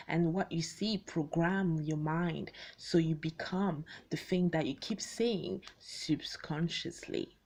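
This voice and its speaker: With a low-pitched, darkish voice, this woman in her late twenties talks to her followers in an unscripted, personal video, rephrasing frequently and asking questions in a conversational way. She was born in Congo, raised in Belgium, and moved to the UK as a teenager.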